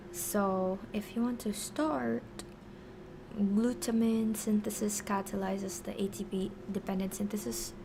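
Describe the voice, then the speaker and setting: A woman giving a casual livestream science lesson while writing, halting and muttering corrections to herself. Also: mid-range voice, background noise. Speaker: streamer teaching biochemistry.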